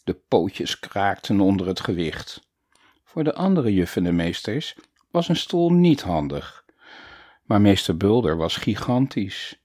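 A man narrating a children's storybook in a playful, animated way. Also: fairly low pitch, a little slow, no echo, studio quality. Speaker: audiobook narrator.

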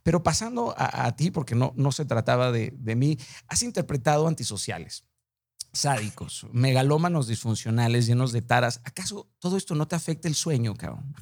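A man with a Mexican accent interviewing a guest, telling stories in an expressive, theatrical way full of slang. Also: mid-range voice, fairly quick, creaky. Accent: Mexican Spanish. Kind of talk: animated conversational interview.

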